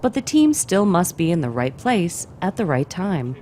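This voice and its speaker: A woman's voice: lowish voice, very animated, normal speed, background noise. A woman reading scripted documentary narration.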